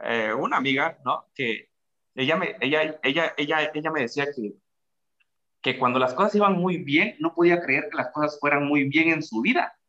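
A Mexican man talks casually and animatedly. His bright, forceful voice jumps high when he acts out what people say. The sound is dull and lo-fi. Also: normal speed. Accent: Mexican Spanish. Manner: animated, acts out quoted speech with big pitch jumps. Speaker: guest speaker. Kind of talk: casual explanatory talk.

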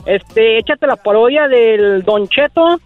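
A young man from Mexico, calling into a radio show and giving brief, relaxed answers. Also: extremely high pitch, slow, soft background music. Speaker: caller. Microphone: phone. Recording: tinny phone line, dry.

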